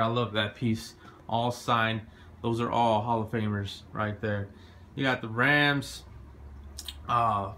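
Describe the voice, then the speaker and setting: Holding his phone camera, a man casually gives a bragging tour of the small bedroom in his home. He speaks in a fairly low, somewhat bright voice, and a faint hiss or hum runs under the recording.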